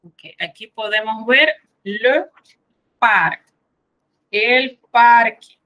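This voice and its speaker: A woman teaching a French vocabulary lesson, who says each French word slowly, then translates it and patiently explains the spelling. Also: on the high side, sharp tone, rough recording.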